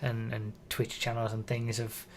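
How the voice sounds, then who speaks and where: A man co-hosts a casual podcast, thinking out loud in long strings of clauses. He repeats words as he searches for his point. His sentences often trail off quietly. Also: medium pitch, completely flat delivery, unhurried. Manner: musing, repetitive, trails off softly. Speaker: podcast co-host. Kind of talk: casual chat.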